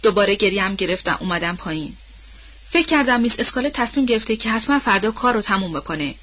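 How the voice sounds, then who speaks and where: A troubled old house servant, voiced by a woman narrator at a middling pitch. She talks plainly and colloquially, full of guilt, in an audiobook. The audio is a little dull and lo-fi. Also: expressive, fairly bright tone, a little hiss or hum, natural voice. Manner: plain-spoken, colloquial storytelling. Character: older female house servant, anxious and guilt-ridden.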